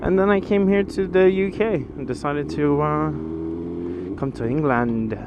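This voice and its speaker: A Brazilian motorcycle vlogger in his twenties, his voice a little high and his pace measured, chats loosely while riding through city streets, rambling with lots of fillers and restarts. The audio comes from an action camera mounted on the bike, muffled and full of loud road and engine noise.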